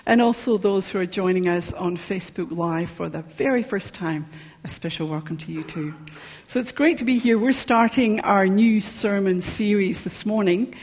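A woman's voice: medium pitch, normal speed, darkish tone. A woman from Scotland with a Scottish accent, preaching a sermon in a chatty, personal manner with frequent ums. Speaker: pastor. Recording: long reverb of a large hall.

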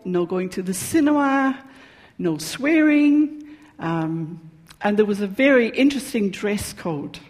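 Scottish woman pastor, mid-pitched and conversational, sermon in a reverberant hall. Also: darkish tone. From Scotland. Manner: conversational and personal, with frequent ums. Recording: long reverb of a large hall.

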